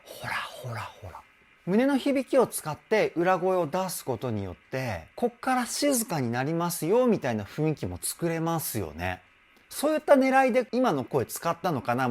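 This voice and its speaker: A man working as a vocal coach talks through a song in a lively, up-and-down voice. He gets openly excited and a little self-deprecating as he explains technique. Now and then he slips into brief sung demonstrations. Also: fairly high pitch. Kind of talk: song reaction and vocal analysis.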